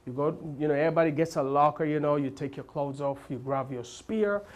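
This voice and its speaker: A man's voice: on the high side, brisk. A man from Uganda performing a stand-up comedy set, telling stories and acting out other people's voices. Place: live comedy stage with audience. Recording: live room with crowd noise. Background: audience laughter and crowd noise.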